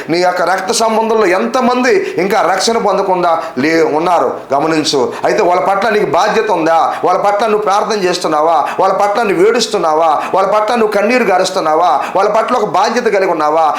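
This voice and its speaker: A man preaching a sermon as pastor, firing repeated rhetorical questions at his listeners and slowing down, low and soft, on key words. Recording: echoey room.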